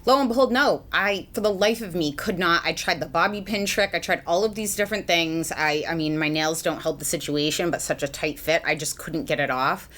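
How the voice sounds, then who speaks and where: Fairly low in pitch and a bit bright, this voice moves fairly quickly with few pauses. It belongs to a young adult beauty vlogger from Massachusetts, casually rambling through her get-ready-with-me makeup routine with many ums and likes.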